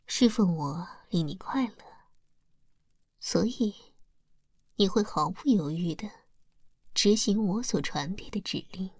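A woman voicing a seductive female demon lord in an ASMR hypnosis roleplay, whispering slowly and softly with a breathy voice. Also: mid-range voice, expressive, dry recording, studio quality, exaggerated voice. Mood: soothing. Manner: slow soft whispering.

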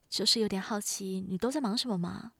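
Woman as a soft, gentle neighbor big sister, very dry. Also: mid-range voice, creaky, breathy edge, dry recording, full character voice. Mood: soft teasing. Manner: soft, tender, coaxing. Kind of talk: audio role-play.

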